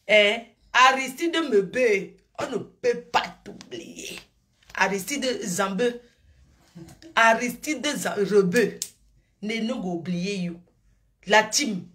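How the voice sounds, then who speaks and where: On a live stream, a middle-aged grandmother rambles along, calling her viewers sweet pet names as she wanders from one topic to the next. Her voice is a woman's, medium in pitch and slightly bright.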